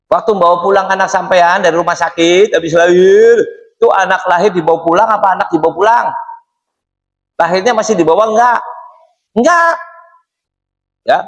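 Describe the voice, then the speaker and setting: Lively high-voiced preacher, echoey hall. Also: male voice. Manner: lively, questioning the audience in a teasing way. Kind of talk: mosque study sermon. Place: mosque hall. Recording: echoey mosque hall reverb.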